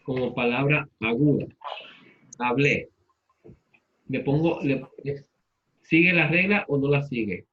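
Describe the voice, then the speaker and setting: A man's voice: medium pitch, takes it slowly, long pauses, lo-fi sound, a little hiss or hum. A man teaching a class, repeating students' answers and asking them questions in turn. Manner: patient, repeats answers back and asks questions.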